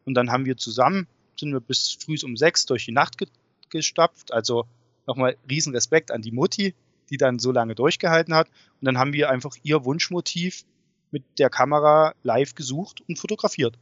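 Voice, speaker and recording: A man's voice: mid-range voice, moderate pace, a bit bright. A man, an interview guest chatting in an informal, enthusiastic way. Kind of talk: casual chat. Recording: dull, muffled sound with room echo.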